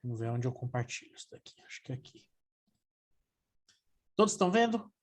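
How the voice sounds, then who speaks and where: A woman hosting an online talk, reading audience questions aloud in a brisk, organized way over a video call. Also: very deep voice, very animated, a little mellow. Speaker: host and moderator. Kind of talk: moderating online Q&A.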